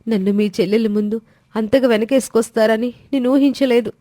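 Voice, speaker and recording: A woman's voice: a little high, steady tone, fairly quick, no room sound, voice pushed up, close to an everyday voice. A woman doing a meek young daughter-in-law. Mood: grateful. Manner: soft, humble.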